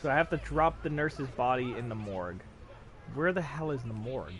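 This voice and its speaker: A man's voice: medium pitch, brisk. A man casually commenting on his gameplay, joking and mocking himself as he plays. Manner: joking, animated, self-mocking. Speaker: gameplay streamer.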